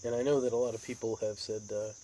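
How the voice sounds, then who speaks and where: An American man talking in a casual, rambling monologue, unhurried and musing, like a hobby vlogger. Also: mid-range voice, flat delivery, dark tone, rough recording. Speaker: pipe tobacco vlogger. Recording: outdoor insect and cricket noise.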